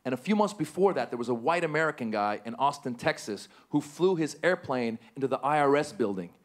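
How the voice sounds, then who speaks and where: A man performing stand-up comedy on stage, animated and given to sudden high-pitched outbursts. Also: a little fast. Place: stage before a live audience.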